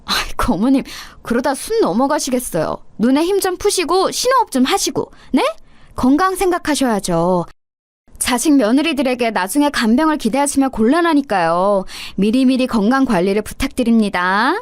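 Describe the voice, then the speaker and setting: A woman's voice: high-pitched, big pitch swings, moderate pace, no room sound. A woman voicing a sly, insolent young daughter-in-law who speaks with false politeness and sarcasm. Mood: mocking. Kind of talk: storytelling role-play.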